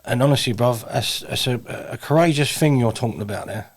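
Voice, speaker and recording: A man's voice: mid-range voice, a little fast, husky. A man with a southeast English accent hosting an interview, talking earnestly and emphatically and calling his guest "bruv". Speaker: host. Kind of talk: supportive interview chat.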